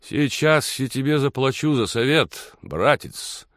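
A man's voice: mid-range voice, animated, a little slow, fairly bright tone, no room sound, studio quality, pitched above the performer's own voice. A man voicing a haughty young aristocrat who speaks with cool, drawling condescension in an audiobook reading. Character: haughty young aristocrat, sporting gentleman boxer.

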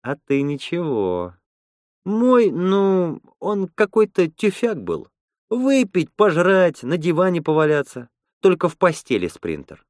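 A man's voice: sits high, wildly swooping pitch, slow pace, a little mellow, no room sound, studio quality, pitched above the performer's own voice, exaggerated voice. A man voicing a frank, outspoken young woman colonist in an audiobook, teasing and blunt. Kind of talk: audiobook character voice.

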